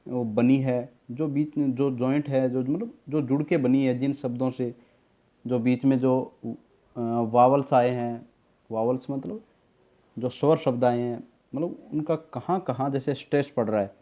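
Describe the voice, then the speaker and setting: A male tutor who speaks very slowly, in a mellow, dark tone. He explains each word patiently, repeats it, and spells it out one letter at a time. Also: mid-range voice, fairly even intonation, lo-fi sound. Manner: addresses students as beta. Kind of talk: slow spelling lesson.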